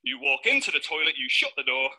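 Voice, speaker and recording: Man, motivational stage speaker, lively swooping pitch, forceful husky voice. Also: quick pace, poor audio. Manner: high-energy, shouty and playful. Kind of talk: live stage talk to an audience. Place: stage in front of a live audience.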